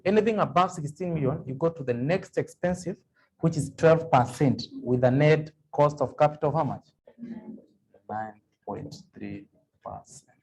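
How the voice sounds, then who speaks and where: A man's voice: on the high side, slight background noise. A man giving an accounting revision lecture, working through sums aloud and putting questions to the class. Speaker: accounting tutor.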